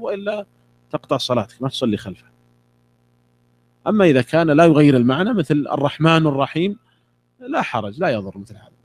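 A middle-aged man with a slightly high voice teaches his students about a religious text, going over key words repeatedly and waiting for their replies.

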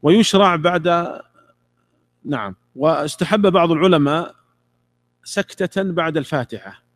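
A middle-aged man gives a classroom lesson on a religious text, pausing for students' answers and repeating key words. His voice is a little high, with no room sound.

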